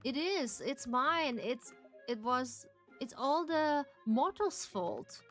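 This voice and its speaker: Give a woman acting out a possessive, petulant video game ghost. It has a high, whiny, indignant voice and non-native English, with faint music underneath. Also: lively intonation, slow pace, fairly bright tone, full character voice. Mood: aggrieved. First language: not English. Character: petulant, possessive ghost guarding a ruined shrine. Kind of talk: reading game dialogue aloud in character.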